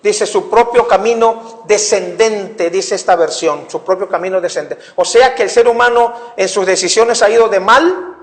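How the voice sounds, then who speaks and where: A man's voice: high voice, moderate pace. A man preaching a sermon to his congregation, repeating his points for emphasis and calling them brothers. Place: church.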